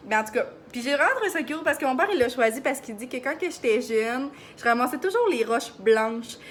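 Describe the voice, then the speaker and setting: A young woman with a Beauce Quebec accent chatting to camera in a fast, excited way, full of fillers. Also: high voice, a little hiss or hum. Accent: Beauce Quebec French. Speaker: vlogger. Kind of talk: casual chat to camera.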